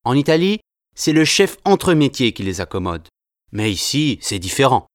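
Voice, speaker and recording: A man's voice: medium pitch, very animated, moderate pace, no echo, clean studio sound, lightly acted. A man playing an eager, touchy sous-chef of Italian background who insists on his rank, in a scripted textbook dialogue. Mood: insistent. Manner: insistent, self-important.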